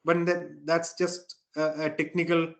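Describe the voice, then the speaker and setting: Higher-voiced man teaching informally. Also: little pitch movement, measured pace, creaky. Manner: checks in often with a questioning tag. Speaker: spiritual teacher leading a satsang.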